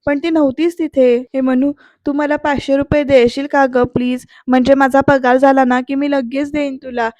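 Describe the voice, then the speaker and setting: A woman voicing a gentle middle-aged schoolteacher mother who coaxes and pleads softly, dropping fond fillers as she talks. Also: high voice, little pitch movement, moderate pace, no echo, lightly acted. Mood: coaxing.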